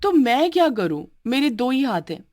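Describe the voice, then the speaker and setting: A woman's voice: high-pitched, sing-song, moderate pace, a little mellow, dry recording, clean studio sound, voice pushed up. Mistreated young wife, defiant and pleading, done by a woman. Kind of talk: cartoon voice acting.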